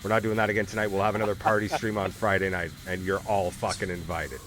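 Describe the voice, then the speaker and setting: A man hosts a gaming league recap over a live stream, and his low voice comes through a remote call mic. He talks casually and upbeat, stumbling over restarts and fillers as he goes. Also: flat delivery, quick pace, a bit bright, soft background music.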